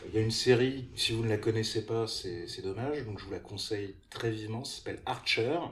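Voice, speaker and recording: A man with a low voice talks casually on a podcast, recommending a series and an article with lots of hesitations. His tone is chatty and self-deprecating. The sound is roomy, with a faint background noise. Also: brisk. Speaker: podcast co-host. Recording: echoey room with faint noise.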